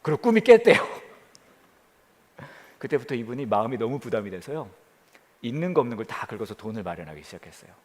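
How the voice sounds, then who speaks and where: A man preaching as a pastor, telling a story with quoted voices and dropping to a hush near the prayer. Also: mid-range voice, expressive, a little fast, pauses often, in a large hall. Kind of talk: sermon. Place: church during the pandemic.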